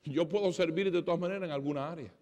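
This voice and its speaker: A pastor preaching a sermon, dramatic, acting out conversations and swinging between loud and soft. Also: male voice, fairly high pitch, fast. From Spanish heritage. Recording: reverberant hall.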